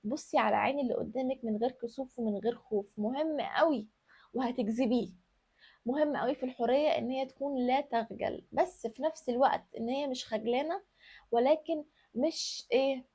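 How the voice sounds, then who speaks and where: A woman with an Egyptian accent talks straight to her viewer, giving advice in an emphatic, coaxing way. Her voice sits high and a little breathy. The words come out quickly. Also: darkish tone. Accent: Egyptian Arabic. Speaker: lifestyle and femininity advice host. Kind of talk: direct-to-camera advice talk.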